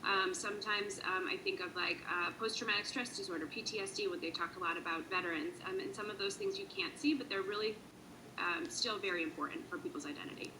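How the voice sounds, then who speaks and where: A woman's voice: mid-range voice, quick pace, background noise. A woman explaining identity terms in a patient, teacherly way, leading a guided conversation. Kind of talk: guided identity worksheet discussion.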